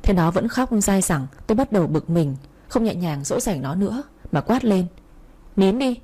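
A woman's voice: fairly low pitch, expressive, moderate pace, mellow, slightly rough. A woman narrating a first-person story in a blunt, wry way.

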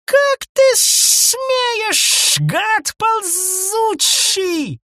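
Brief: vain alien snake wife, shrieking and theatrical, slow drawn-out insults. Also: male voice, vocal fry, sharp tone, no echo, clean studio sound, exaggerated voice. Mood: scolding. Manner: shrill, scolding and theatrical.

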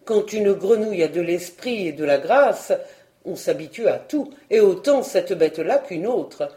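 A woman reading a storybook, voicing a vain scheming cousin, a colonel who talks smoothly and persuasively. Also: fairly low pitch, expressive, measured pace, dark tone.

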